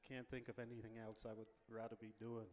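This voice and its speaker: A man from the Bahamas, a casino executive answering interview questions in a relaxed way with many pauses. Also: fairly low pitch, long reverb tail.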